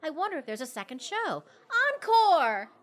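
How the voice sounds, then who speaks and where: A woman's voice: on the high side, big pitch swings, moderate pace, a bit bright. A woman playing a flustered, easily moved woman gardener who mutters fussy asides in a comic audio play. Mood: gushing.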